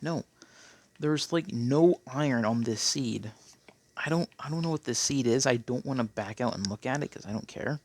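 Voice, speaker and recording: A man's voice: medium pitch, normal speed. A man giving casual, rambling gameplay commentary, with a phlegmy throat and a habit of tacking on "okay?". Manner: rambling, keeps clearing his throat, tacks on "okay?". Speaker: Minecraft player.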